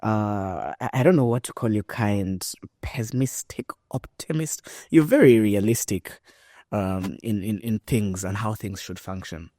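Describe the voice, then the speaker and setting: Deep-voiced male podcast host. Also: a little slow, dry recording, clean studio sound. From Rwanda. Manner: lively, emphatic, with frequent fillers. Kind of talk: conversational interview.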